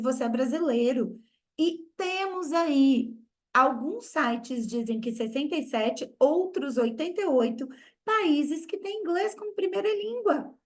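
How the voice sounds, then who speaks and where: A woman from Brazil with a Minas Gerais accent, teaching an English masterclass with rhetorical questions and repeated key phrases. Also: sits high. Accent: Minas Gerais Brazilian Portuguese. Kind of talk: online masterclass lesson.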